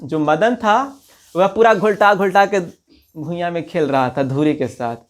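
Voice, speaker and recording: A man teaching a story lesson at an unhurried pace. He reads a line from the textbook, then retells it in local speech. He keeps asking who said what and answers his own questions. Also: high-pitched. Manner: reads a passage, then retells it in local dialect and quizzes the listener. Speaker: Hindi teacher.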